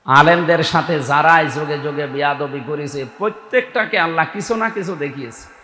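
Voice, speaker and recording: A male preacher, delivering an impassioned waz sermon in a somewhat high voice. He raises it to shouts when quoting scripture. The sound is roomy, with a long hall echo. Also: moderate pace, slight background noise. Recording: echoey hall with long reverb.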